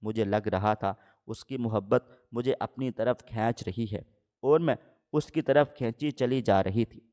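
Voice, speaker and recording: A man narrating a scripted story in the first person, with a steady, measured reading. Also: mid-range voice.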